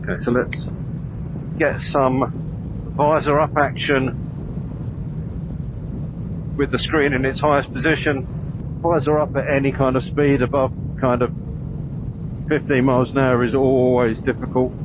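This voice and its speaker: Unhurried and level in tone, a medium-pitched motorcycle vlogger rambles with long pauses as he thinks aloud on country roads. His helmet intercom mic leaves the voice muffled and boxed in, competing with loud wind and engine noise.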